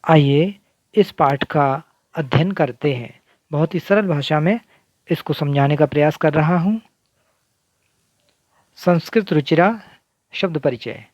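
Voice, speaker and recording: A man teaching a school Sanskrit lesson, slowly spelling words out syllable by syllable. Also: fairly high pitch, a little mellow, no room sound. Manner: slow, carefully spelling out syllables. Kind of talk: recorded lesson.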